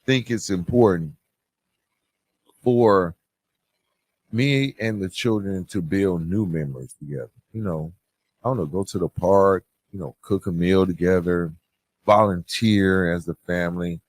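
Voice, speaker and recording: A podcast host with a low voice speaks at a measured pace, offering motivational advice in an earnest, conversational monologue and repeating phrases for emphasis. A close mic captures him with no room sound.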